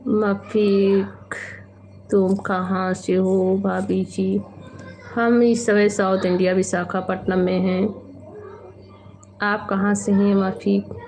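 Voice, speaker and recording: Late at night at home, a woman hosts a relaxed live stream, chatting slowly with viewers, reading their comments aloud and gently scolding them. Her voice is medium-pitched and flat, with a little hiss or hum on the audio.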